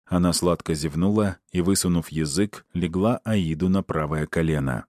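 Низкий мужской голос рассказчика. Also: male voice, sits low, moderate pace, a little mellow, no room sound, studio quality. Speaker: narrator. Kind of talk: audiobook narration.

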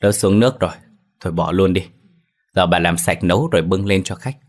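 A man doing a gruff, cursing butcher. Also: low-pitched, a little fast. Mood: dismissive. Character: gruff hot-tempered middle-aged dog butcher.

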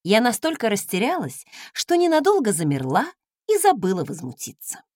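Expressive female audiobook narrator. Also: on the high side, moderate pace, no room sound, clean studio sound. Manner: expressive, ironic storytelling. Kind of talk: first-person audiobook narration.

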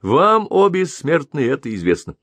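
A man voicing a solemn male khagan who declaims in a measured way. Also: on the high side, big pitch swings, fairly bright tone, dry recording, voice pushed up, full character voice. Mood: grave. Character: solemn male Khazar khagan, cautious and grave.

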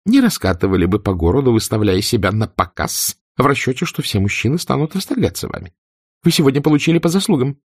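Spinster woman full of cold hatred, read by a man, pitched up, lively. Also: fast talker, husky, no echo, studio quality. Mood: hateful. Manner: icy, trembling with anger.

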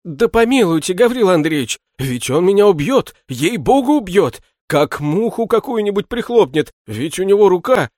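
A man voicing a put-upon male shoemaker servant who pleads and laments in a high, raised voice. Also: sing-song, normal speed, few pauses, no echo, studio quality. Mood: pleading lament. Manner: plaintive, pleading, high and loud. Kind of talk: audiobook character reading.

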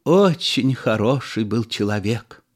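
A man voicing a nostalgic former card sharp who talks in effusive exclamations. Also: on the low side, lively intonation, slow. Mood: gushing nostalgia.

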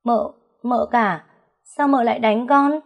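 A woman's voice: mid-range voice, normal speed, voice pushed up, lightly acted. A woman voicing a young, timid servant girl who stammers and pleads. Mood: pleading.

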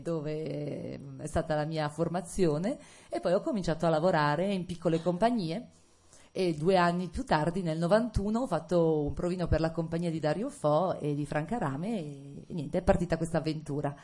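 A middle-aged woman from Italy, an actress, recounts her path in a lowish voice. She hesitates, fills pauses, and laughs often while talking casually to students in a lecture hall. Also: darkish tone. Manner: hesitant, laughing storytelling with many fillers. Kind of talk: casual autobiographical talk to students.

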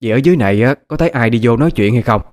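A man's voice: medium pitch, animated, rapid-fire, natural voice. A man voicing a harsh, suspicious older mother-in-law, who scolds and accuses. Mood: scolding. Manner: scolding, accusing, sharp-tongued.

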